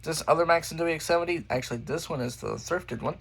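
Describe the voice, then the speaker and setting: Fast and fairly high-pitched with vocal fry, a radio collector gives a rambling show-and-tell over slight background noise. He mutters asides and curses mildly, with weather radios audible behind him.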